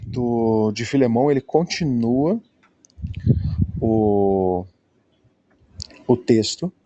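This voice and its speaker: A man's voice: mid-range voice, expressive, drawn-out words, mellow, no room sound, lo-fi sound. A Brazilian man giving a patient, explanatory lesson, often checking in with his listeners. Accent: Brazilian Portuguese. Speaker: Greek teacher.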